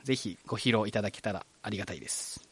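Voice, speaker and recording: A man's voice: fairly low pitch, racing, husky, no echo. A man hosting a live radio program, speaking with a Kagoshima accent in a chatty, friendly way. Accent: Kagoshima dialect. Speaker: radio host.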